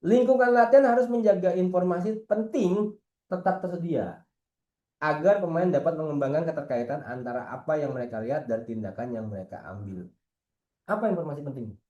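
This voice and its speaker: The same kind of scene: a football coach chatting casually in a team meeting, teasing, slangy and lively, firing off rhetorical questions. His voice is a little high and brisk, and the recording is reverberant and muffled.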